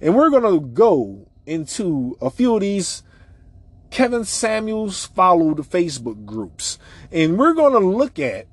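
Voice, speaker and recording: A man with a raspy voice hosting an opinionated podcast monologue, talking emphatically and repeating his points for effect. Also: high voice, very animated, takes it slowly, no room sound. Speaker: podcast host.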